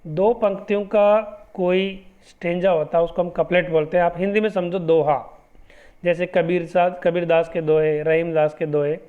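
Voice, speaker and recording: A man giving an exam-prep literature lesson, explaining step by step and reading English definitions slowly. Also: high-pitched. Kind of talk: exam-prep lecture in Hindi mixed with English. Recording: tinny phone-like lo-fi audio.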